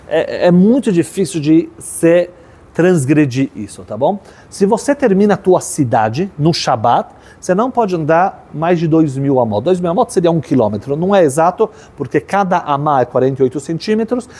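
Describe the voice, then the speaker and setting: A man telling a story and teaching as a religious teacher, animated, often checking in with his listeners. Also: mid-range voice, breathy edge. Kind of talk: storytelling sermon.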